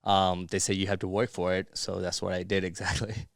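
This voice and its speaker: A deep, gravelly voice with a level tone moves a little fast, captured dry in clean studio sound. The man, born in Bangladesh and brought up in Dubai and Miami, is a podcast guest whose casual interview chat is informal and sprinkled with "bro" and "dude."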